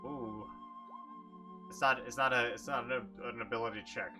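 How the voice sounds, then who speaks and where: A man's voice: medium pitch, fairly even intonation, moderate pace, sharp tone. A man working as game master, narrating an improvised tabletop game in a playful, theatrical way. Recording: music playing behind.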